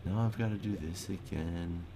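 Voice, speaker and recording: A man's voice: sits low, moderate pace, loud music behind the voice. A man casually commenting as he plays through an adventure game, thinking aloud. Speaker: gameplay commentator. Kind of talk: casual let's-play commentary.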